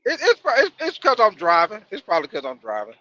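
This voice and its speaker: A high, bright-voiced man talks in a laid-back, repetitive way from inside a moving car. His phone call is dull and lo-fi, and the line keeps cutting out and breaking up. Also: wildly swooping pitch, quick pace, no room sound. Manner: laid-back, repeats himself with fillers. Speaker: co-host calling in. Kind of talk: casual sports chat.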